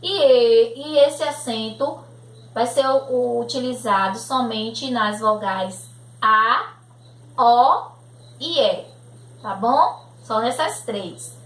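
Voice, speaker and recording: Slow, patient Brazilian woman teacher. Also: a little high, a bit bright. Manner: slow, patient, checks in with "né?" and "tudo bem?". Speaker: primary school teacher. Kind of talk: remote grammar lesson for children. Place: room at home. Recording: echoey room recording.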